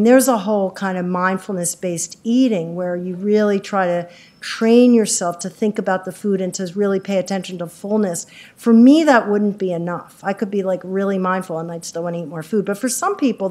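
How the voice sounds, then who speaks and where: A woman's voice: medium pitch, normal speed. A middle-aged woman psychiatrist giving an informal community talk, chatty and self-deprecating, with lots of fillers and restarts. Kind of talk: informal lecture.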